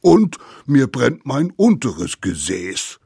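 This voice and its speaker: A big, grumpy storybook mammoth, as a man acts it out, gruff and indignant, its words dragged out slowly. The voice is husky and low, and the recording is dry and close. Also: dry recording. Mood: indignant, stern. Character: huge, grumpy, stern mammoth.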